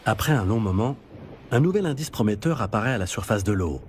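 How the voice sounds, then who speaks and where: A man's voice: on the low side, expressive, brisk, a little hiss or hum. A man reading scripted narration for a nature documentary.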